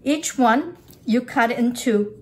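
Talking through every step as she cooks, an older female cooking instructor gives an informal, unscripted demo indoors at a home-style kitchen counter. She speaks slowly, in a fairly high voice. Background noise and the clatter of the kitchen are plainly audible.

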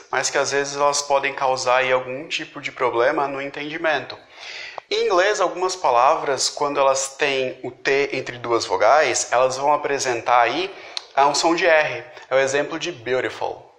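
A man whose first language is Portuguese explains pronunciation as a tutor, repeating example words slowly and deliberately. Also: mid-range voice, sharp tone, echoey room, a little hiss or hum. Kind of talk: instructional explanation.

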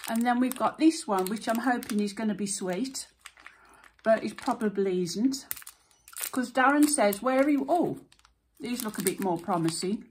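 A woman's voice: on the high side, normal speed, darkish tone, slight background noise. A woman vlogging at home in a casual, chatty way, thinking aloud with fillers as she shows things and tastes food. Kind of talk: casual chat.

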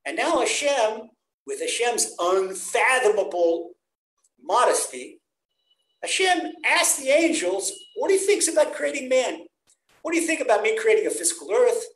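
An older rabbi teaches his weekly Torah class from home over a video call, his voice rather high for a man, a bit bright and sing-song at a moderate pace. He preaches earnestly and energetically, acting out the people he quotes. The webcam audio has a roomy echo and a little hiss or hum.

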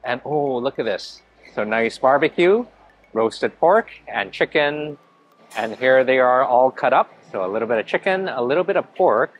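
A man's voice: mid-range voice, animated, normal speed, husky. A man in his thirties, a food vlogger, chatting enthusiastically as he walks a big indoor hotel buffet and eats, filmed on a handheld camera at arm's length. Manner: enthusiastic, narrates each dish as he eats. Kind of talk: casual food vlog narration.

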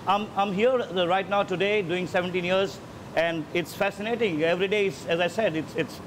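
With background noise around him, a male executive chef speaks a little fast while casually walking through his ship galley kitchen. His high-pitched voice has fairly even intonation, and he repeats words as he gathers his thoughts.

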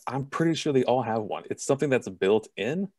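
A man from Southern California, a college admissions representative, giving an online information session over a video call in a plain, self-described monotone, direct way. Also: mid-range voice, fairly quick, no room sound, clean studio sound.

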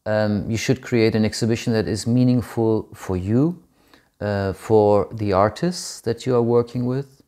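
Thoughtful low-voiced man, searching for words. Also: measured pace, mellow. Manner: thoughtful, searches for words, many ums and restarts. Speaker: curator. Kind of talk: interview answer to camera. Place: home study with bookshelves, indoors.

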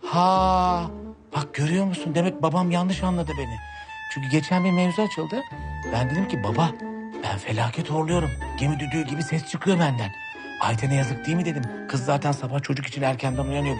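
Man acting as a wheedling, melodramatic brother, slightly high voice, music underneath, TV comedy. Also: fairly quick, natural voice. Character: scheming lazy older brother Necati, man. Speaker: actor in a TV comedy series.

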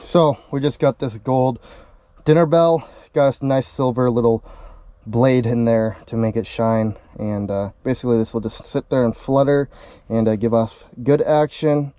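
Inside a small ice fishing shelter, a young fishing vlogger talks casually and rigs his gear while showing lures. His mid-range voice is dark, clear, and resonant, with fairly even intonation at a normal speed, and the lo-fi recording is dry. It was captured on a camera mic and later a head-mounted action camera.

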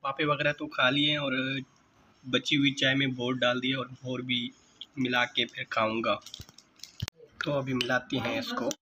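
A man's voice: on the high side, a bit bright, a little hiss or hum, poor audio. A young man chatting loosely to camera in a casual home vlog, filler words and restarts throughout. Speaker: vlogger. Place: at home and outdoors in rain.

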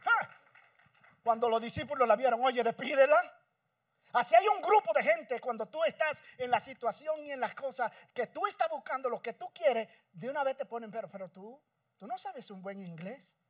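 A male pastor preaching a sermon, swinging between shouting and hushed, dramatic passages. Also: very high-pitched, lively intonation, normal speed, no echo, recorded from a distance.

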